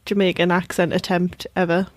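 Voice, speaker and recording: A woman's voice: lowish voice, level tone, fairly quick, no room sound. A woman with a Geordie accent co-hosting a podcast in casual chat, dropping dry, teasing quips. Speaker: podcast co-host.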